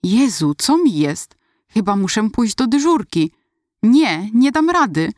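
A woman's voice: a little high, sing-song, a little slow, darkish tone, dry recording, studio quality, voice pushed up. A woman voicing a frightened, sick eleven-year-old girl in a hospital, speaking weakly and hesitantly, in an audiobook reading. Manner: weak, hesitant.

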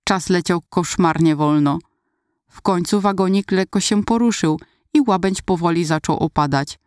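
A woman narrating a first-person childhood story as an audiobook, with lively, expressive reading. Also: fairly low pitch, moderate pace, clear, resonant tone, no room sound, studio quality. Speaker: audiobook reader.

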